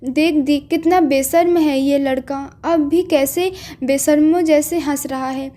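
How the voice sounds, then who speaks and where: Hot-tempered young woman in a spoken story, read by a woman, mellow dark tone. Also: high-pitched, fairly even intonation, measured pace. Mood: angry. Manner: angry, scolding.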